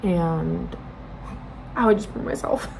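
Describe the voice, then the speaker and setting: This woman's voice is fairly low, slow and gravelly as she vlogs a casual get-ready-with-me chat to a phone camera. She rambles informally and interrupts herself. Recorded indoors in a small bedroom-like room on a phone propped at arm's length, the audio is noisy.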